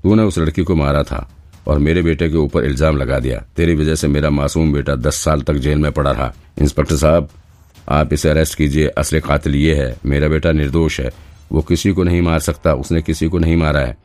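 A man's voice: rumbling low, steady tone, fairly quick, dry recording. A man voicing a furious accusing older mother. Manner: shouting accusations.

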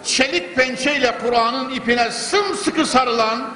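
A man's voice: very high voice, slow pace. An older man delivering a fervent mosque sermon into a pulpit microphone, speaking in rhythmic phrases and repeating lines for emphasis. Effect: preaching into a pulpit microphone. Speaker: preacher. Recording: echoey hall with clear background noise.

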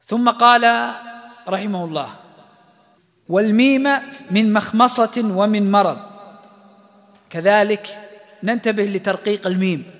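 Male recitation teacher, high voice, long hall reverb, explains then chants examples. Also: unhurried, pauses often, fairly bright tone. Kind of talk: tajweed lesson with recited examples.

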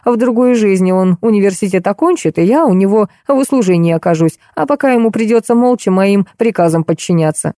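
Woman reader doing a snappy bossy aunt type, barks orders, pretty dark voice. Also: mid-range voice, brisk, hardly any pauses, dry recording, studio quality, close to an everyday voice. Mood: imperious. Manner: commanding, scolding. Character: middle-aged bossy woman boss, imperious and shrill when angry.

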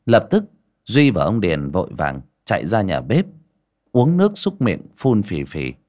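Male audiobook narrator, low and lively, expressive storytelling. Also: unhurried.

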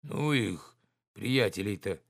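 A man's voice: on the low side, lively intonation, vocal fry, no room sound, clean studio sound, full character voice. A man reading the part of a lazy, grumbling old manservant who drawls his excuses. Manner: drawling, reluctant, slow.

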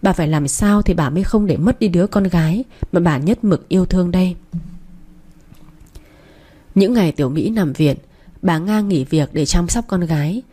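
A woman narrating a story in a calm, steady audiobook style. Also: fairly low pitch, moderate pace, pauses often.

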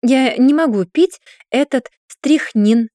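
A woman's voice: high voice, takes it slowly, dark tone, no echo, studio quality, voice pushed up. A woman reading a storybook voices a snide young woman who speaks condescendingly and teasingly.

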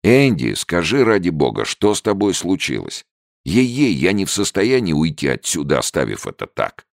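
Man voicing a nervous young soldier, pleading, lively pitch, dry close sound. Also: normal speed, gravelly, no echo, heavily acted. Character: anxious nervous young male soldier friend.

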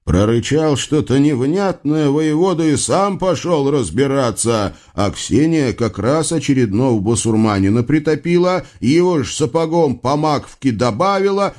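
A man narrating a folk-tale audiobook in a lively, folksy, playful manner. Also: mid-range voice. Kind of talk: audiobook storytelling.

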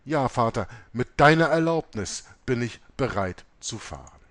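An earnest young seminarian, read by a male narrator, speaks in an ordinary male voice with lively pitch. His tone is anxious and searching. The sound is close and dry. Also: unhurried, dry recording. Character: young male priest-student, anxious then doubting.

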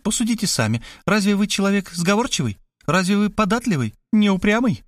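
A man reading an audiobook, voicing a fussy, insistent middle-aged woman who talks fast and pushes her point. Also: high-pitched, sing-song, no echo, studio quality, voice pushed up. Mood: blunt. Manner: rapid, pushy, matter-of-fact.

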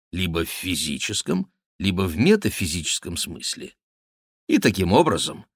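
A man reading a classic novel aloud in measured, expressive narration. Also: lowish voice, no room sound, clean studio sound. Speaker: audiobook reader. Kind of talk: scripted literary narration.

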